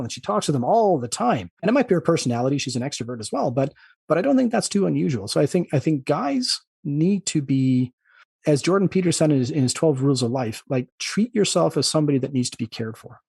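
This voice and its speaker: A middle-aged man with an Irish accent and a slightly husky voice, speaking quickly and anecdotally as a doctor being interviewed. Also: a little high, expressive, a little mellow, no echo, studio quality. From Ireland. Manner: fast-talking, anecdotal. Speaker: doctor, podcast guest. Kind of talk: conversational interview.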